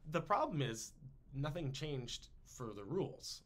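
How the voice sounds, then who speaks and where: Guy hosting a history chat, goofy, pitch jumping all over. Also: measured pace. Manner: animated, jokey, puts on silly voices. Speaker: podcast host.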